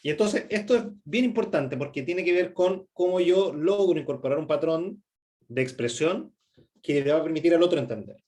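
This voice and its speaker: Middle-aged Chilean male instructor, slightly high voice, chatty workshop delivery, constant check-ins and fillers. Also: moderate pace, mellow. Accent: Chilean Spanish. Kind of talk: presentation skills workshop talk.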